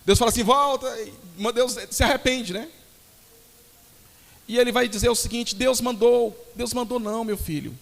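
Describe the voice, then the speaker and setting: A young Brazilian man preaching a sermon to his congregation, telling lively stories and calling them brothers. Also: very high-pitched, normal speed, vocal fry, big-room sound. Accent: Brazilian Portuguese. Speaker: pastor.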